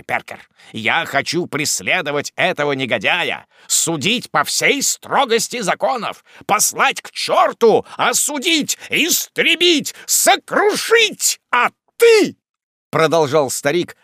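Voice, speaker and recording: A man voicing an irascible old country squire who blusters and shouts in outrage. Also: a little high, no echo, clean studio sound, exaggerated voice.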